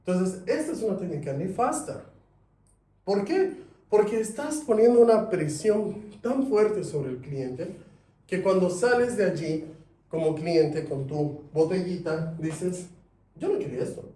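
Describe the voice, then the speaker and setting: A man teaching a sales class, lively, asking his students questions. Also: high-pitched, a little slow. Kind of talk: classroom lecture. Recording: echoey room, mic at a distance.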